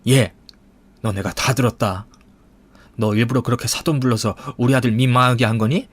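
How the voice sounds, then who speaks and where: A man's voice: mid-range voice, steady tone, normal speed, slightly rough, lightly acted. A man voicing a demanding, whiny middle-aged mother-in-law who complains and sighs. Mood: nagging. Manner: complaining, sighing.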